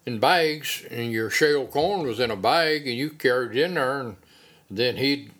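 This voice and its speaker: A man's voice: medium pitch, moderate pace, fairly bright tone, husky. Old appalachian guy chatting about the old days, country way of talking, plain mid voice. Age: older. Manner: folksy rural phrasing. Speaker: interviewee recalling childhood. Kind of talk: casual oral-history reminiscence.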